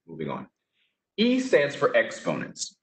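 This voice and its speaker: A man's voice: medium pitch, huge pitch swings, unhurried. A man teaching a casual math lesson, talking through each step with chatty, offhand asides. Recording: echoey room.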